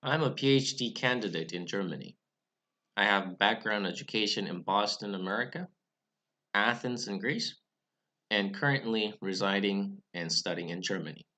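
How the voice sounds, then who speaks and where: Recorded with lo-fi sound, a young man whose first language isn't English gives a scripted to-camera explanation of reading Greek scripture for his Bible study channel. His pitch is on the low side, pushed and bright, and his careful delivery includes occasional restarts.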